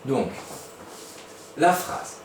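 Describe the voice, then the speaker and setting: Male schoolteacher, patient explainer for small children; recorded away from the mic in a reverberant room. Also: a little hiss or hum. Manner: patient, slow, spells out each step. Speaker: primary school teacher. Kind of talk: recorded lesson for young pupils. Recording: echoey room, mic at a distance.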